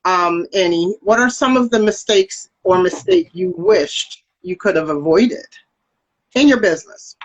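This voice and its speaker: A woman's voice: on the low side, a little slow, low-quality recording. A woman hosting a casual interview, chatty and upbeat as she reads out viewer questions. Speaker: host.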